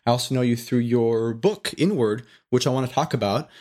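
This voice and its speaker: A man's voice: medium pitch, fairly quick, a little mellow. A male podcast host asking questions casually, often repeating words as he restarts his sentences. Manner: stammering repeats, friendly questions. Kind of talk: casual interview.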